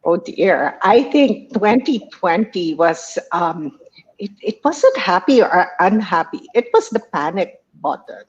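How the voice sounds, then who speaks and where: A woman guest coach answering interview questions in a warm, chatty way, laughing often and pausing with hesitations. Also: medium pitch, very animated, slightly rough, highs cut off.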